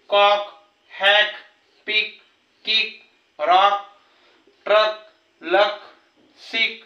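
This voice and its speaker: A man teaching a lesson to students, patiently explaining rules and repeating example words slowly. His first language is Marathi. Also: high voice, pushed and bright. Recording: roomy, slightly distant, dull sound.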